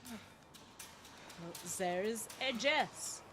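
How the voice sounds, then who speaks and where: A woman streamer doing a stiff robot voice while commenting on a game, with flat, formal machine-like phrasing. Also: medium pitch, very slow, over music. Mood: stiff robotic.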